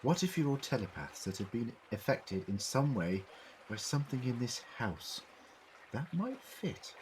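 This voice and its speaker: An actor in a fan audio drama playing an eccentric, brainy alien time traveller, explaining things theatrically in precise words. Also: male voice, medium pitch, big pitch swings, unhurried, darkish tone, a little hiss or hum, rough recording. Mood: pondering.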